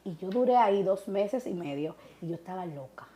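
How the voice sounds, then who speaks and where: A woman's voice: medium pitch, expressive, brisk, warm tone. Dominican woman TV host, emphatic and insistent. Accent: Dominican Spanish. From Dominican Republic. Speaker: TV show host. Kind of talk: TV talk show interview.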